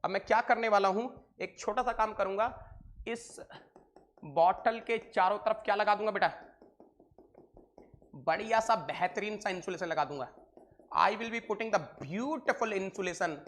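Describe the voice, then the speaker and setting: Indian man, online engineering lecturer, high voice, slow and repetitive, quizzes students warmly. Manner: repeats points and quizzes students, calling them "beta". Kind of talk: live online lecture mixing Hindi and English.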